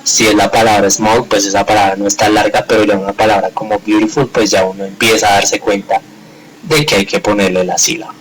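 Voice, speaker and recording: A male teacher with a fairly low voice walks his class through the grammar. He explains patiently, repeats each point and keeps checking in with the students. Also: steady tone, fairly quick, crowd noise, poor audio. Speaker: English teacher. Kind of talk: live online grammar class.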